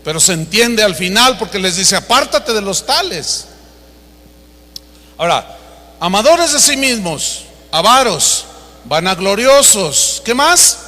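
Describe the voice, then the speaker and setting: Preaching in a hall full of reverb, this pastor is emphatic and acts out stories as he goes. His high-pitched voice is very animated, pushed and bright, and he takes his time.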